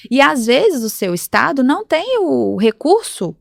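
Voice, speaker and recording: A woman's voice: sits high, sing-song, unhurried, creaky, dry recording, studio quality. A woman guest on a podcast, speaking as an insurance advisor in casual conversation and telling stories that act out quoted dialogue. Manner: storytelling, acting out quoted dialogue. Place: podcast studio.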